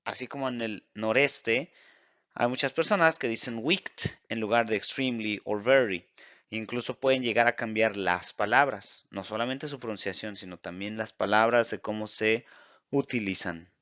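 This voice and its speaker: A man gives a video lesson on English sounds, explaining in Spanish and slowing down to model English examples. His voice is bright and smooth. The recording is dry and a little dull. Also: fairly low pitch, no echo. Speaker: English teacher.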